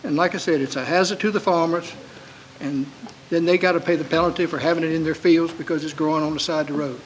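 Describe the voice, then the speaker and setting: A man's voice: a little high, fairly even intonation, quick pace, a little hiss or hum, rough recording. A man, a county supervisor pressing his point at a public meeting in an earnest, folksy way.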